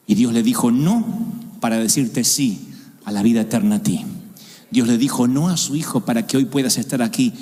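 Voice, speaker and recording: An Argentine-accented man preaches with a high, animated voice that leaps up and down as he acts out scenes. His tone is ironic and theatrical. The sound carries a long reverb from a large auditorium. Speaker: pastor. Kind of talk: sermon.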